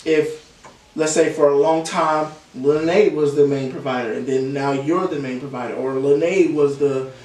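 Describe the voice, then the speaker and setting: Man, podcast host, affirming, casual chat, slightly high, roomy echo. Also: steady tone, darkish tone. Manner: affirming, many quick "yeah"s. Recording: echoey room, mic at a distance.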